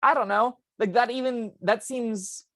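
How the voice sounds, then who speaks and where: A woman co-hosting a casual tabletop game podcast, talking in quick chatty bursts with plenty of ums. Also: a little high, fairly bright tone, dry recording. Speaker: co-host discussing tabletop spells.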